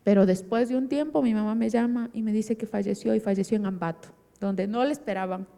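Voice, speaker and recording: A woman's voice: mid-range voice, a little fast, gravelly, mellow, long reverb tail. A middle-aged woman giving an emotional personal testimony in church and vividly acting out remembered dialogue. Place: church hall.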